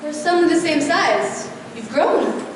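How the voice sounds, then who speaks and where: Woman as a high-voiced curious storybook girl. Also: lively intonation, measured pace. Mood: puzzled. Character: curious, outspoken storybook girl exploring a nonsense world. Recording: very echoey hall, distant mic, noisy.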